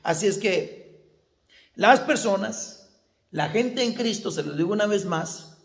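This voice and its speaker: A man's voice: sits high, expressive, unhurried, reverberant. A male pastor preaching a sermon, asking the congregation questions and answering them himself.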